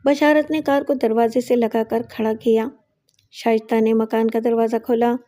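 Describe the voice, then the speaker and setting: Warm-voiced woman narrating a story. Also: fairly high pitch. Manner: steady, measured storytelling. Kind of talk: scripted narration of an emotional moral story.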